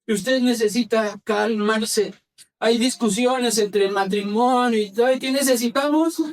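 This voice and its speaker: A male pastor with an extremely high-pitched voice preaches a soft-spoken sermon in church, heard through a distant mic. His pace swings from brisk to slow as he questions the congregation and gets them to echo phrases back to him.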